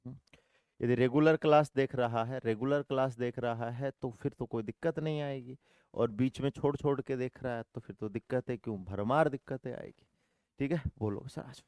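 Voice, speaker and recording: A man's voice: medium pitch, moderate pace, darkish tone, clean tone, no room sound, clean studio sound. A male maths teacher running an online coaching class, repeating each step and answering his own questions, calling students "dear brother".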